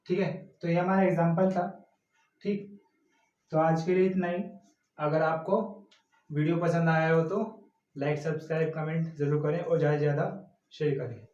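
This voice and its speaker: A man's voice: fairly high pitch, level tone, normal speed, long pauses, darkish tone. A male teacher explaining a math lesson step by step, asking and answering his own questions as he works through it. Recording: roomy, distant, muffled classroom recording.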